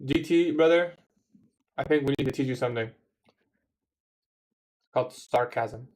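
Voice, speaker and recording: The audio is poor, but a man in his twenties can be heard answering viewer questions on a trading livestream at a measured pace. His medium-pitched voice has a darkish tone, and his manner is easygoing and slangy, heavy on "bro."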